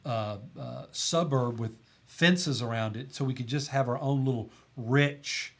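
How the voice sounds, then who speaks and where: A man's voice: medium pitch, a little slow, a bit bright. A middle-aged man, a volunteer chaplain talking earnestly on a podcast, emphatic and often restarting his sentences. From Tennessee. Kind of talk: conversational podcast talk.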